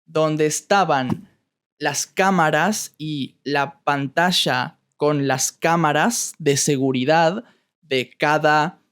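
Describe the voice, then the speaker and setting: A man with an Argentine accent, a Spanish teacher telling a story slowly for learners, repeating words as he searches for them. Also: a little high, a bit bright, smooth. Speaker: Spanish teacher and podcast host. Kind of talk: slow storytelling for language learners.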